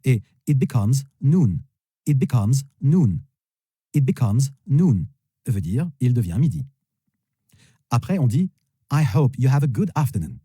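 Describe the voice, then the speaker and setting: Guy teaching words, says each one three times, husky voice, lively pitch. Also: no echo. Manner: slow, repeats each word three times. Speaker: English teacher. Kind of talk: vocabulary lesson, repeating words.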